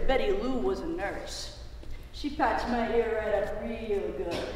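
A woman playing a rowdy, hot-tempered male deputy marshal in a live stage play, telling a crude tale in a slow drawl. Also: mid-range voice, a little hiss or hum, close to an everyday voice. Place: theater stage. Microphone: distant stage mic. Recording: echoey theater hall from far off.

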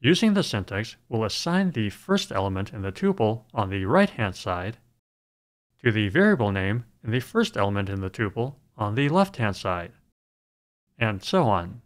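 Lively-pitched man narrating a coding lesson. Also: moderate pace. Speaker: programming tutorial narrator. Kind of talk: scripted screencast narration.

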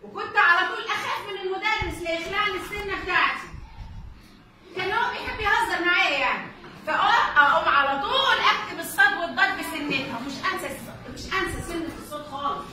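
A woman's voice: extremely high pitch, animated, fast talker. A woman with an Egyptian accent teaching children to read, patient and repetitive, often checking they understood. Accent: Egyptian Arabic. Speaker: Arabic reading teacher. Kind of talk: online lesson for children. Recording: very echoey room, distant mic, noisy.

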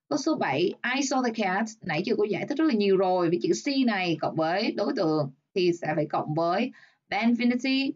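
A Vietnamese-accented woman teacher leads an exam review lesson, going through English exam answers one at a time. She reads the example sentences slowly and explains every step. Her mid-pitched voice is darkish, and the recording sounds slightly dull.

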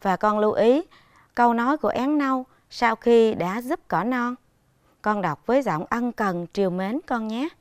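A woman primary school teacher leads a televised reading lesson for young children. She speaks patiently and instructively, pronouncing every word clearly. Her voice sits fairly high, and the recording is dry and close. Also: normal speed, dry recording.

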